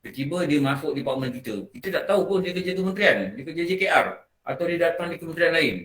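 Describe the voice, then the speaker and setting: A man's voice: a little high, lively intonation, fast talker, a bit bright. A man with a Malaysian Malay accent gives a morning religious lecture in a prayer hall, talking conversationally and often asking his listeners questions. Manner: conversational, asks the audience questions. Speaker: religious teacher.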